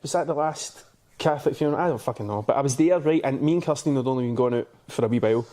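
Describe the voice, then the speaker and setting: A man's voice: mid-range voice, rapid-fire, mellow. A Scottish man co-hosting a podcast, telling sweary, rambling stories in casual chat with lots of restarts. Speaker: podcast co-host.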